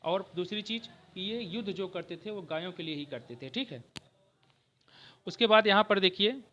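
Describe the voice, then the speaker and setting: A man's voice: sits high, bright, forceful tone. A man teaching an exam-prep history lecture, explaining step by step and often checking in with his students. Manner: repeats "ठीक है" often, explains slowly with restarts.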